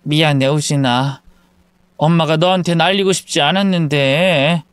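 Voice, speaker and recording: Man reading a soothing mother, soft and reassuring, smooth tone. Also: on the high side, normal speed, dry recording, lightly acted. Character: middle-aged mother, gentle and soothing.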